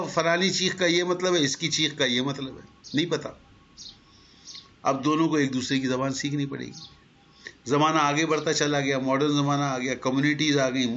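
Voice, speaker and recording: Male teacher, lecturing, slightly high voice, muffled lo-fi sound, rhetorical questions. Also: fairly bright tone. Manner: explanatory, asks rhetorical questions. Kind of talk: lecture to a class. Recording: dull lo-fi recording.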